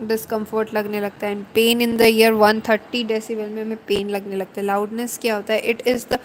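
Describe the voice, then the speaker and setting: A woman with an Indian accent giving a slow, deliberate lecture, explaining terms one by one in a mix of Hindi and English. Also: on the high side, little pitch movement, slight background noise, low-quality recording.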